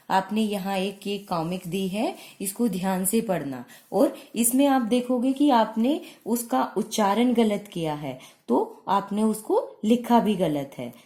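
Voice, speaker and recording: A woman teacher gives a grammar lesson to young children. She talks slowly and patiently, repeating words so they stick, in a mellow, soft tone. The recording carries a clear echo from the room. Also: mid-range voice. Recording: echoey room.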